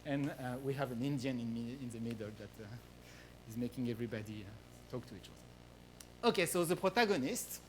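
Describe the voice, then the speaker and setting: A man's voice: mid-range voice, animated, fairly quick, a little hiss or hum. A man with a French accent giving a research math lecture, hesitant, with many fillers and restarts. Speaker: guest lecturer.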